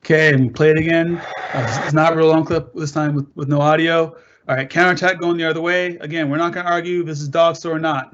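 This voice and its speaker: A fairly high-pitched man walks referees through match clips, chatty and informal, and often restarts his sentences or poses questions to his listeners. The sound is dull and lo-fi, like a muffled online meeting. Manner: conversational, asks rhetorical questions, restarts often. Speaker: soccer referee instructor. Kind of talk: narrated video presentation for referees.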